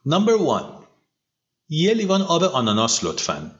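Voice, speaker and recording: A male English teacher runs a scripted vocabulary drill in a lively, up-and-down voice. He says each word back slowly and carefully, and his native Persian comes through in his English. The recording sounds slightly dull and muffled. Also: on the high side. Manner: patient, repeats each word slowly for the learner. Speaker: English teacher, podcast host.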